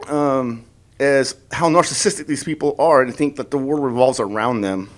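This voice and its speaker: A political vlogger rants in his opinion video, his mid-range voice moving at a moderate pace. He's heated and sarcastic, mocking the voices of the people he disagrees with, and he keeps repeating words and restarting his sentences.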